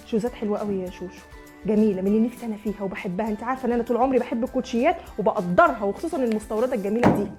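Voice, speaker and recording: A young woman with an Egyptian accent acting in a comic sketch, coaxing and pushy as she talks a neighbor round. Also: high-pitched. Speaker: comedy sketch creator. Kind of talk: comic one-sided phone-style sketch.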